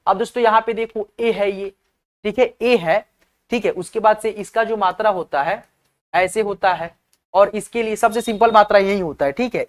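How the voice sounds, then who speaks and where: A woman teaching a spelling lesson at a whiteboard, patiently spelling words out letter by letter and often checking that her viewers understand. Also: mid-range voice.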